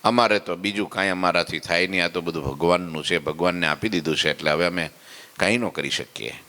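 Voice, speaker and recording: A man's voice: deep voice, fairly quick, bright, forceful tone, long reverb tail. A man telling a devotional story as a preacher, acting out the characters and asking listeners questions. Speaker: katha preacher.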